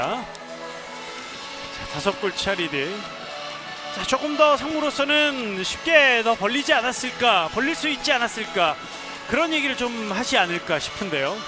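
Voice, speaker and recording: A man doing live handball play-by-play, given to shouted, drawn-out goal calls. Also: very high-pitched. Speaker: sports play-by-play announcer. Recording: clear arena noise behind the voice.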